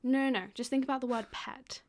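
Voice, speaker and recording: A woman's voice: sits high, fairly even intonation, a little fast. A woman co-hosting a casual podcast, explaining things at length with frequent fillers and laughter. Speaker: podcast co-host.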